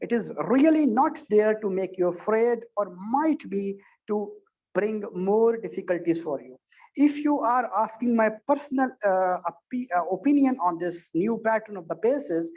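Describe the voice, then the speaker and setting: Over a video call with dull, lo-fi sound, a man gives an online tutoring session to people preparing for exams. His voice sits high and is a little mellow, animated, and moderately paced. He lectures with real earnestness, with frequent repetitions and restarts.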